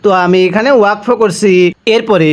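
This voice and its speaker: A man teaching Quran reading, reciting each phrase slowly and drawn out, then explaining the rules and asking how it should be read. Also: sits high. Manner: repeats words and asks "how do we read it?". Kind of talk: step-by-step Quran reading lesson.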